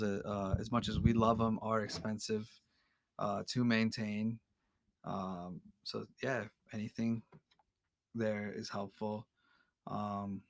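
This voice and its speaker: Man, podcast guest, low gravelly voice, flat delivery, hesitant with fillers. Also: no echo, clean studio sound. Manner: hesitant, many fillers and restarts; candid, opinionated. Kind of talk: casual interview conversation.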